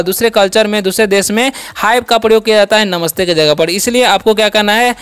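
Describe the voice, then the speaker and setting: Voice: medium pitch, a bit bright, clean tone. Patient teacher drilling English words. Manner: patient, asks and answers own questions; repeats each word for drilling. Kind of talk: step-by-step spelling and pronunciation lesson.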